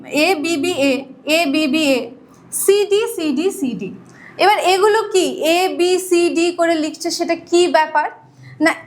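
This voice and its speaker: A woman teacher with a Bengali accent, explaining a poem to students and answering her own questions. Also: very high voice. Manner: asks questions and answers them herself.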